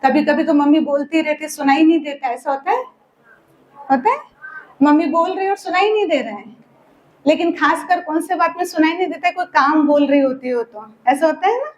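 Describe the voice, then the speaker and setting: High-voiced woman teaching children. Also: lo-fi sound. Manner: asks the children quick questions and waits for answers. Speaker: spiritual teacher at a children's summer camp. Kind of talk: storytelling lesson for children.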